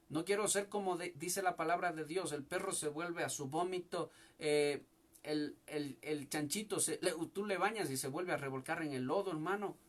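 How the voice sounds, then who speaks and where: A young man preaches a fervent sermon in a noticeably high voice. He speaks as a pastor and keeps calling out to his listeners as brother. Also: fairly bright tone. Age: young adult. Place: home church service.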